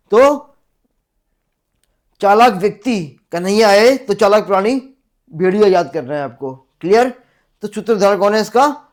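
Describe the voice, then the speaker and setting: A male teacher with a Rajasthani accent gives an exam-prep lecture, asking "clear?" again and again and repeating facts to drill them. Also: sits high. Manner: asks the class "clear?" again and again.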